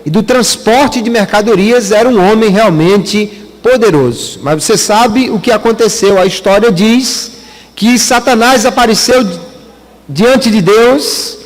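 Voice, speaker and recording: A man's voice: high voice, unhurried. A man with a Brazilian Portuguese accent, a pastor preaching a teaching sermon to his congregation in a church. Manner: teaching, addresses congregation as brothers. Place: church hall. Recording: long church hall reverb.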